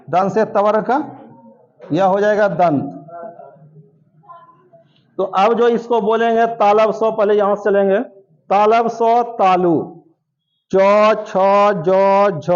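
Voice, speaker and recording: Slow, high-voiced teacher. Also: male voice, darkish tone, highs cut off. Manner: drills sounds aloud, quizzes students. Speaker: coaching teacher. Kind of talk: classroom lecture. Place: classroom.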